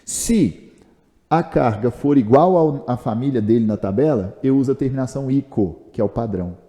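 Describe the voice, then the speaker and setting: A Brazilian man gives a chatty chemistry video lesson, explaining step by step in a Brazilian Portuguese accent. His dark, mid-range voice is animated and moderately paced with a big-room sound, and he keeps asking himself questions, answering them and teasing himself.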